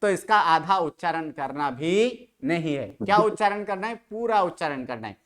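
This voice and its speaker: A teacher giving a classroom grammar lecture, constantly quizzing students and slowly repeating their answers back. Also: mid-range voice, animated, a bit bright.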